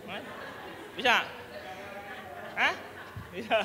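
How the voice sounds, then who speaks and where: A man teaching a public speaking workshop on telling stories to children, talking in an animated, playful way and breaking into acted storytelling. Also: extremely high pitch, very slow, crowd noise. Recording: long hall reverb, faint room noise.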